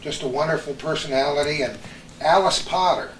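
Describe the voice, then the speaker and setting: An older man with a fairly high, brisk voice hosts a reminiscence show, leading a casual chat of memories among friends. The recording sounds roomy and distant, with faint background noise.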